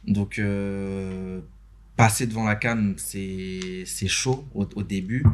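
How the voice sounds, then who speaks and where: A young man from Benin, a podcast guest who works as an interview host and motion designer, chats casually in a podcast studio. His voice is lowish, his tone steady and his pace slow. He sounds hesitant, with many fillers and restarts.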